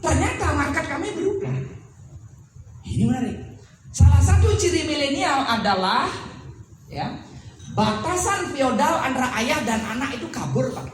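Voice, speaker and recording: A man from Bali, a lecturer and campus owner, giving a seminar talk to business owners, telling stories with lively acted-out dialogue and jokes. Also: very high-pitched, normal speed, long pauses. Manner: animated storytelling, acts out dialogue, jokes with the audience. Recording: echoey hall, speaker far from the mic, faint noise.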